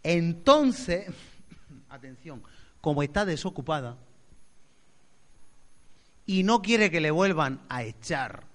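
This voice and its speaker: Expressive male pastor preaching. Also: fairly high pitch, slow pace, pauses often. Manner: expressive, acts out voices, swings loud to soft. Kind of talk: sermon.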